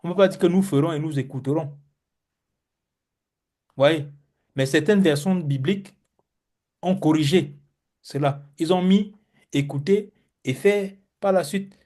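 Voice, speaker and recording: Male pastor, mellow warm tone, higher-pitched voice, lively teaching, stammers on words. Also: measured pace, pauses often. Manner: animated teacher, acts out examples, stammers on words. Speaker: pastor teaching Biblical Hebrew. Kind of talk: classroom lesson.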